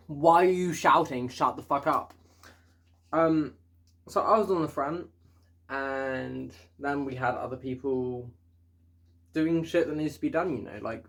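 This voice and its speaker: A young man in casual storytime chat, ranting in an exasperated, sweary way. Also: mid-range voice.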